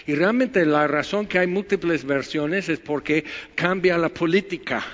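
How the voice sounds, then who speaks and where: Mexican pastor, fairly high voice, sermon in a reverberant church, slightly muffled audio. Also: male voice, measured pace, fairly bright tone. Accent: Mexican Spanish. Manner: conversational, rhetorical questions, wry asides. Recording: muffled with long hall reverb.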